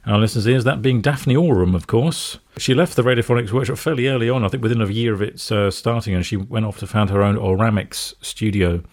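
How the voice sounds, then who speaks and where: A man with a lowish, husky voice hosts a relaxed music radio show. He chuckles between thoughts and feels his way through sentences with plenty of ums and uhs. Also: fast, few pauses. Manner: chuckles often, hesitant with many fillers.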